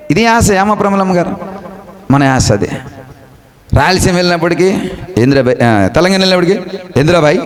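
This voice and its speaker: A man, preaching a sermon as pastor, asking the congregation questions and leaping high in pitch to stress his points. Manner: animated, lively pitch swings, rising high for emphasis; conversational, asks the congregation questions.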